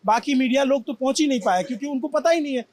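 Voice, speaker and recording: A man's voice: very high voice, very fast, a little mellow, no room sound. A man from Prayagraj, India, giving an impassioned, emphatic on-site news report from a damaged shop. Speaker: field reporter. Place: at a damaged shop after a crowd crush.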